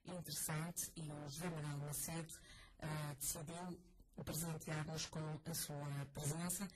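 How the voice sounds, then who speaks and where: A woman with a European Portuguese accent, hosting a radio interview and announcing an event formally. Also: low voice. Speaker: radio host. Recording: noisy radio broadcast.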